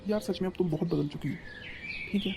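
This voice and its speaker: An exasperated young husband who reasons and pleads in a high, quick voice, as a man voices him. He sounds frustrated in this cartoon family story. There is clear background noise behind him.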